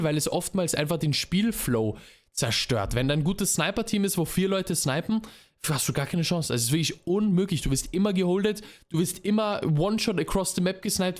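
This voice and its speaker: A man's voice: sits high, lively intonation, brisk. Laid-back young man reacting to a video. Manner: laid-back, drops English gamer slang into his talk. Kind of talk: casual reaction commentary.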